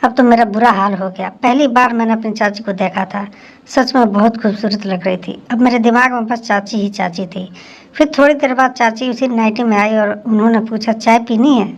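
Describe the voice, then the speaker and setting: Woman narrating a story. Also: fairly high pitch. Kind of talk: scripted first-person story narration.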